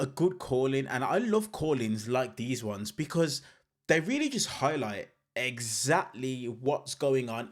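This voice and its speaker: Man explaining politics in casual commentary. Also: medium pitch. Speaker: commentary channel host.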